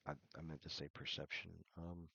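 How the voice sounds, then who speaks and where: A man narrating a tabletop game as game master, relaxed and quick to laugh. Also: a bass voice, gravelly, breathy edge, dry recording, highs cut off.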